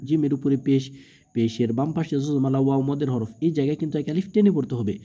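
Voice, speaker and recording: A man teaches Quran reading in a slow spelling-out lesson, going through letters and vowel marks one by one, stretching the long vowels and often checking in with listeners. His voice is dark with a quick pace. The audio is muffled and low-fidelity.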